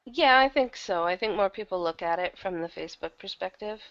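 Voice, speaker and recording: Speaking over a computer mic on an online call, a woman who produces and casts audio dramas chats casually about her work as an interview guest, candid and self-deprecating. Her mid-range voice is brisk and a bit bright, with lively intonation and no echo. The call sounds dull and lo-fi, with uneven volume.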